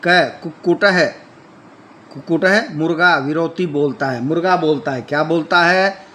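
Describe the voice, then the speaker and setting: Patient, slightly high-voiced male teacher. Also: a little slow, pushed and bright. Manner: reads each Sanskrit phrase, then explains it in Hindi; patient, repeats points step by step. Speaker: Sanskrit teacher. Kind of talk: textbook lesson explanation.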